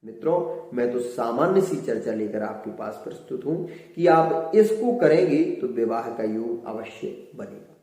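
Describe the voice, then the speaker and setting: A man with a Hindi accent, an astrologer giving slow, measured devotional advice and chanting Sanskrit verses. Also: medium pitch, animated, warm tone. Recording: very echoey room.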